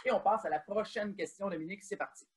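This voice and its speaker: A man's voice: high-pitched, fast, slightly rough. A man, co-hosting a quiz, counting down and chatting with frequent fillers. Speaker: quiz co-host.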